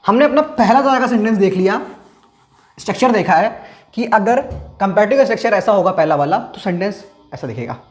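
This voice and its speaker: A male teacher explains a lesson step by step, tossing questions at his listeners and answering them himself. He slows down to repeat key terms for emphasis, with faint music in the background. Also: high voice, lively intonation. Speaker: English grammar teacher.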